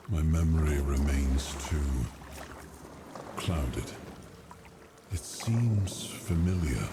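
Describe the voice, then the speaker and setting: Video game role: solemn brooding wanderer with clouded memory, bottomless voice, measured delivery, noisy ambient backdrop. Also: male voice, a bass voice, heavily acted. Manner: slow, grave, measured. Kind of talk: video game character acting.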